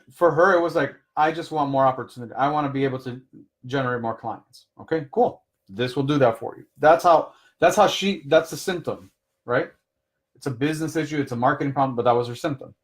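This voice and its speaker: A man giving business advice in a live coaching session, talking casually, explaining through personal examples and often checking in with "right?". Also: on the high side. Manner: conversational, keeps checking in with "right?".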